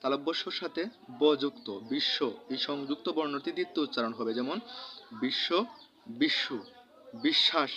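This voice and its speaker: A man with a Bangladeshi Bengali accent teaching a grammar lesson, saying each example word slowly and repeating it. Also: on the high side, bright, forceful tone. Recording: dull lo-fi recording.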